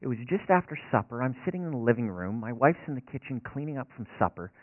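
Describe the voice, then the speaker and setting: A man's voice: mid-range voice, sing-song, quick pace, no echo. A man, a racetrack chaplain telling an earnest, folksy, self-deprecating story as a sermon. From northern Alberta. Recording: dry, tinny phone-like sound.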